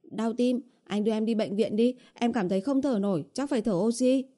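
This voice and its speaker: Casting: woman reading a pleading young woman in an audiobook, coaxing and whiny, with a mellow dark tone. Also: a little high, a little fast, pitched above the performer's own voice, natural voice. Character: young woman, coaxing and whiny, sweet-talking her boyfriend. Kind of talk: audiobook character voice.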